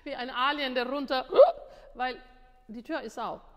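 A woman, a singing teacher coaching a student in a masterclass, animated and tired, repeating words and slipping into English. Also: sits high, measured pace. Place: music school room. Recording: long room reverb.

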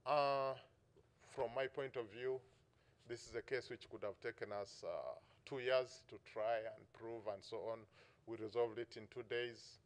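A middle-aged man with a Ugandan accent, speaking on a symposium panel as a prosecutions director and telling an anecdote from his office in a measured way, with many "uh" fillers and restarts. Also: mid-range voice, steady tone.

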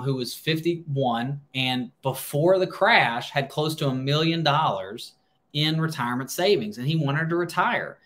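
A financial planner in his thirties with an American accent hosts a livestream, speaking to camera in a casual, emphatic style and repeating words for stress. His pitch is fairly high, his tone a bit bright.

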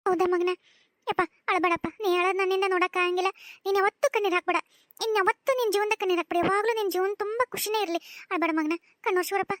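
A woman voicing a shrill old village mother. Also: steady tone, racing, a bit bright, dry recording, clean studio sound. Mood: tearful joy. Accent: North Karnataka. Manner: pleading, emotional. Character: doting older village mother, tearful and tender. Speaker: voice actor. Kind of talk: cartoon voice acting.

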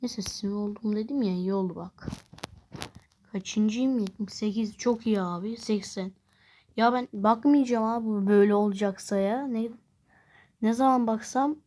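Woman, casual game commentary, mellow voice, excitable outbursts, phone game. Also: mid-range voice, normal speed. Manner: chatty, exclaims and groans at the game. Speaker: gameplay vlogger.

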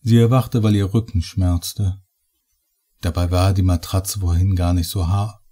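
A man reading a horror story aloud in a measured storytelling manner. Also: deep voice, fairly even intonation, mellow. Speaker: audiobook reader. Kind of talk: scripted horror narration.

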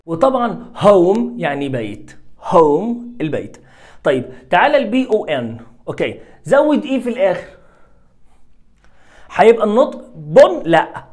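Lively Egyptian man drilling phonics. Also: high-pitched. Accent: Egyptian Arabic. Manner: energetic, repeats sounds and words many times, coaxing. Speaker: English phonics teacher. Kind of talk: phonics lesson for children.

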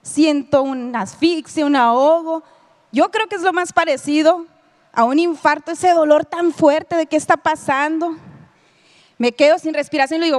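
High-pitched woman, middle-aged, telling her own story in a talk, lots of echo from a big hall. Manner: storytelling, addresses listeners directly, acts out quoted dialogue. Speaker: lecturer giving a personal testimony. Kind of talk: spoken lecture to an audience. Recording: long hall reverb.

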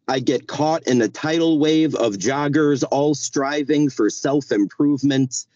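A man's voice: medium pitch, a little mellow, no echo, highs cut off. A man speaking over a group voice chat from inside his car. He talks loosely with many fillers, then reads his poem aloud. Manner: loose and chatty, many likes and uhs. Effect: heard over a group voice chat. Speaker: poet reading his work.

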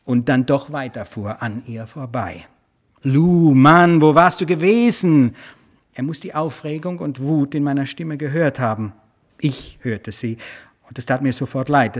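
A mid-range male author reads his own prose aloud during a lecture, measured and expressive. The recording is dull and lo-fi.

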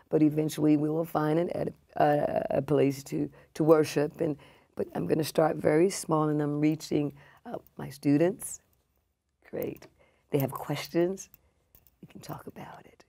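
A low-pitched woman in her sixties, a pastor, is a guest in a casual interview, speaking emphatically and repeating her points while often dropping to a soft, breathy tone.

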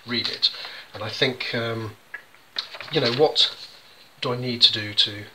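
A man's voice: mid-range voice, steady tone, unhurried, background noise. An English man, a children's poet, chatting through how he illustrates his poems, with many ums and restarts. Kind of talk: casual explanatory demonstration.

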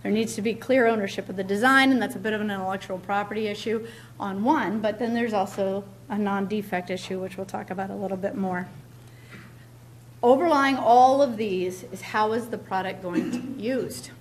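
A woman's voice: medium pitch, a little fast, a little hiss or hum. A middle-aged woman giving a keynote lecture at a podium in a large lecture hall, emphatic, repeating key words, with frequent ums. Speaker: keynote speaker. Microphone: podium mic, filmed from far back.

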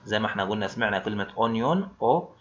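Fast-talking Egyptian man teaching English. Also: on the low side, expressive, a little hiss or hum. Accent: Egyptian Arabic. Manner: asks questions and answers them himself. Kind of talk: online grammar lesson. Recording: dull lo-fi sound.

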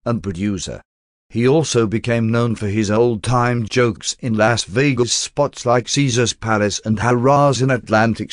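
A man reading scripted news narration in a measured, formal manner. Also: mid-range voice, no echo, clean studio sound.

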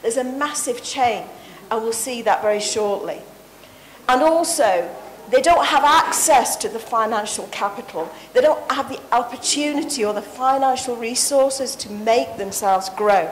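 A woman's voice: on the high side, unhurried, a little hiss or hum, rough recording. A woman, giving an earnest, passionate conference talk into a handheld mic on a stage. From Sri Lanka. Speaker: conference paper presenter. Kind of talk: conference presentation.

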